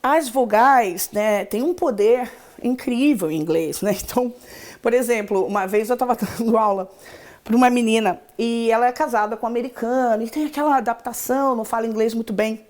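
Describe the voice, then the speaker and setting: A woman's voice: fairly high pitch, fairly quick, a little mellow. A woman with a Brazilian Portuguese accent, an English teacher telling stories in a casual podcast interview with enthusiasm and acted-out quotes.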